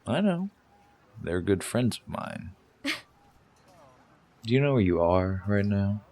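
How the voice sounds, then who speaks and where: In full character voice, a male actor portrays a wounded, brooding rebel killer in an audio drama, menacing and persuasive, intense and frequently near a whisper. The mood turns taunting and intense. His fairly low voice has a sing-song lilt, a slow pace and a slightly mellow tone.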